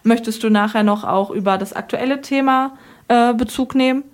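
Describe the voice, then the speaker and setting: A woman hosting a local radio interview, speaking in a friendly, clear way. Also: a little high, normal speed. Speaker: radio host.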